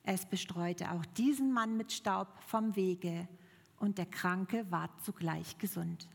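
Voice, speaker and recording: A woman preacher giving a sermon and telling a parable in a slow, deliberate manner. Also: fairly low pitch, creaky, breathy edge, in a large hall.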